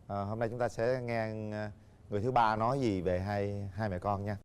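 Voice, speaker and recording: A man hosting a talk show, asking his guests brisk, leading questions. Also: on the low side, fairly even intonation.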